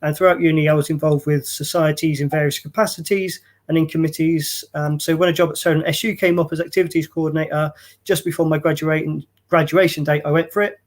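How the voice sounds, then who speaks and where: A man's voice: on the high side, flat delivery, fast talker. A man in his forties giving a casual self-introduction as a students' union activities coordinator, with many ums and uhs. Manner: chatty, with frequent ums and uhs.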